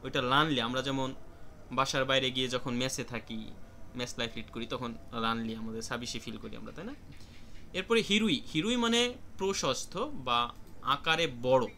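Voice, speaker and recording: A man's voice: mid-range voice, normal speed, bright, forceful tone, a little hiss or hum. A man with a Bangladeshi accent teaching Japanese vocabulary in an online class, explaining each word and calling on students.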